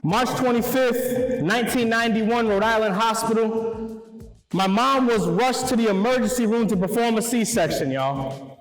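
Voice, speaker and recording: High-pitched man giving a rousing pep speech. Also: normal speed. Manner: emphatic, call-and-response, repeats phrases for effect. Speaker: motivational speaker. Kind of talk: rousing motivational speech to a school assembly, like a halftime pep talk. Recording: echoey hall PA with music underneath.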